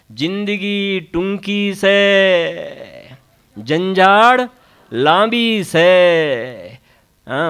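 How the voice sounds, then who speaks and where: A man's voice: on the high side, fairly bright tone. A man giving a religious discourse, repeating points with emphasis and prodding listeners with short questions. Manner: frequent questioning interjections to listeners; repetitive, emphatic teaching with proverbs. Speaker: Jain spiritual lecturer.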